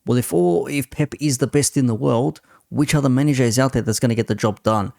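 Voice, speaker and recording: A football host riffs off the cuff with sarcasm, repetition and rhetorical questions to push his opinions. His mid-range voice is brisk, gravelly and slightly mellow, recorded clean in a studio with no echo.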